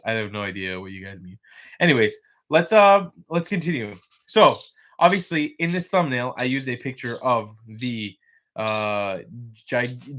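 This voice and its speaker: A man's voice: on the low side, a bit bright. A man hosting a casual livestream, chatty and rambling with lots of fillers, tired and yawning. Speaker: livestream host.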